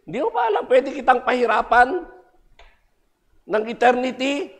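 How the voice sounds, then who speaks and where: A man's voice: extremely high pitch, big pitch swings, normal speed, in a large hall, voice pushed up. A man voicing a menacing male devil who taunts an old man with raised, pressing questions. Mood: taunting.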